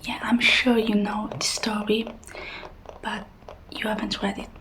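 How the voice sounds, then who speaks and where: A woman in a whispered role-play as a helpful librarian, speaking in a hushed, breathy whisper. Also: mid-range voice, little pitch movement, measured pace, a little hiss or hum, poor audio. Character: helpful soft-spoken female librarian suggesting books.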